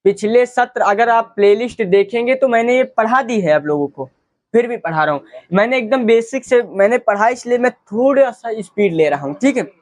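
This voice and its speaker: Man, high voice, chemistry teacher, repeats himself, dry close sound. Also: lively intonation, moderate pace, dry recording. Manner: repetitive, asks and answers his own questions. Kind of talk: classroom lecture.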